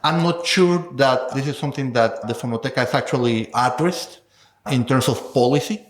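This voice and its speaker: Crowd noise and a roomy echo surround this male guest scholar as he thinks through ideas in an academic interview, frequently ending with a questioning "no?". He speaks in a mid-range voice at a moderate pace.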